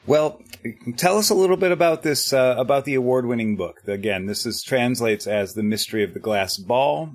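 Guy hosting an interview, polite, encouraging, asks long questions, average pitch. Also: expressive, moderate pace. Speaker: interviewer host.

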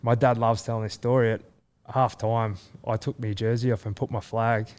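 A man's voice: mid-range voice, little pitch movement, normal speed, darkish tone. A man from country Australia with an Australian accent, telling stories casually with lots of fillers and restarts. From country New South Wales, Australia. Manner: rambling with many fillers and restarts. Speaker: guest, former rugby league player. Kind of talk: casual storytelling.

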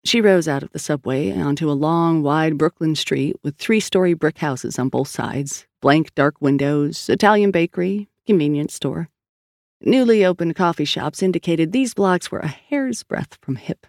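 A woman narrating a story in an even, steady storytelling manner. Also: sits low, vocal fry, no echo, clean studio sound. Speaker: audiobook narrator. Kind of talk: scripted narration.

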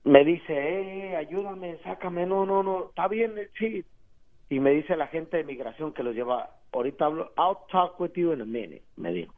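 A Mexican man calling into a radio show, telling a story in a slangy, animated way. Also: on the high side, moderate pace. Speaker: caller. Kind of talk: casual phone-in storytelling. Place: phone call into a radio show. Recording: tinny phone line.

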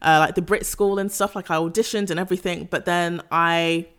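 A young woman, a podcast guest, telling a story in casual chat, laughing and acting out quotes in a high voice. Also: fairly even intonation, a little fast, fairly bright tone, smooth.

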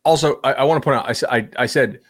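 A man talking casually on a podcast as a sports betting analyst, animated and chatty with lots of fillers. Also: mid-range voice, very fast.

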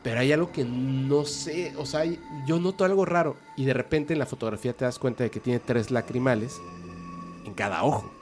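A man recounts a strange encounter, speaking animatedly at a middle pitch. Music plays clearly beneath his voice. He keeps checking that the listener is following along. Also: fairly quick, darkish tone. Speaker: guest storyteller. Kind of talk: conversational storytelling. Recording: music playing under the voice.

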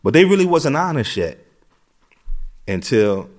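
A man's voice: mid-range voice, big pitch swings, a little slow. A middle-aged American man, an interview guest, telling his story in a casual streetwise way, with phrases repeated. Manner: streetwise, repeats phrases, frequent "you know what I'm saying".

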